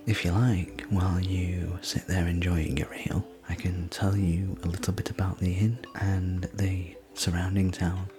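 A man voicing a friendly, hospitable innkeeper of a fantasy tavern in a whispered sleep-story roleplay, talking in a soft, gently rambling way. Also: low voice, little pitch movement, a little slow, few pauses, over music. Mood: chatty.

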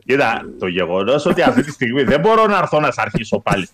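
A man's voice: medium pitch, big pitch swings, a bit bright. Casting: male co-host, needling, sarcastic, voice swings up and down. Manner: teasing, mock-insulting. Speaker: podcast co-host. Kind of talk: casual banter.

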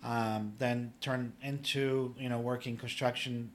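A little slow and level in tone, the medium-pitched voice belongs to a public adjuster from Poland, a native Polish speaker, guesting on a laid-back podcast interview. Faint hiss or hum accompanies his plain, instructive explanations, which are sprinkled with "you know."

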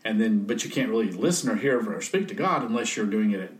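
A middle-aged man in a casual faith conversation, telling folksy stories and softly acting out quoted speech. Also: on the low side, expressive, fast. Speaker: guest.

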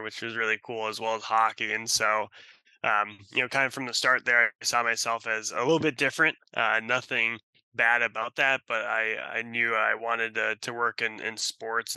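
This podcast guest is a Russian man who runs sales and service for a sports franchise, and he rambles casually through his interview answers, dropping "you know" often. He speaks at medium pitch and normal speed in a level tone that is pushed, bright, clear and resonant. There's no room sound, but the recording is rough.

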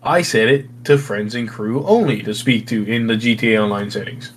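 A young man co-hosting a podcast, chatting casually with friends in loud, matey, sweary banter. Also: on the low side, normal speed, slight background noise. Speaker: podcast co-host. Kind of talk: casual chat among friends.

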